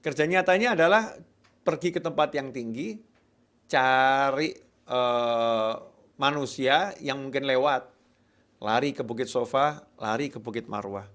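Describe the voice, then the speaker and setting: A man preaching a sermon in a lively way, acting out worried voices and swinging between loud outbursts and quiet asides. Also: medium pitch, unhurried. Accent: Indonesian.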